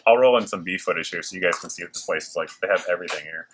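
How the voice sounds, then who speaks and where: A man's voice: deep voice, racing, a bit bright. A man hosting a gear showcase in a casual, enthusiastic, informal way, with machine noise behind him in a working factory. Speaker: host of a gear review video. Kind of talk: casual product showcase to camera. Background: working machines and clicks.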